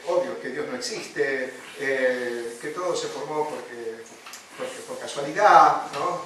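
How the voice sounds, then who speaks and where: His mid-range, fairly bright voice is unhurried as this Rioplatense-accented pastor gives a chaplaincy lesson. The style is a conversational sermon full of fillers and frequent "¿no?" tags, captured from far off in an echoey room with faint noise.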